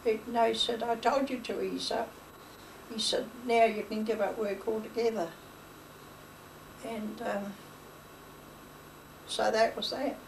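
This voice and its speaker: Older nz lady rambling through old stories, kinda high voice with a gravelly edge, mic a bit far off w faint hiss. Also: flat delivery, measured pace, long pauses. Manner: rambling, chatty, retells dialogue, laughs. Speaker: interviewee. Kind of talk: oral history storytelling.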